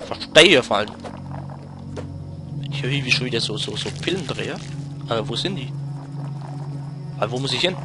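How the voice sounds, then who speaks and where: A young man hosting a let's play, talking in slangy commentary that drops to mumbles and bursts into loud shouts during fights. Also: medium pitch, animated, moderate pace, long pauses, over loud music.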